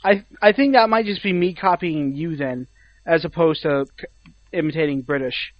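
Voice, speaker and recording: A young man co-hosting a podcast, chatting casually in an animated, teasing way. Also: on the high side, normal speed, dry recording. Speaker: podcast co-host. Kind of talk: casual chat. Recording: slightly dull lo-fi audio.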